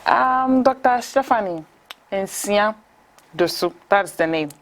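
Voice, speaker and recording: A woman's voice: medium pitch, lively intonation, slow. Woman host opening an interview. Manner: encouraging, frequent backchannel murmurs. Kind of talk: interview hosting.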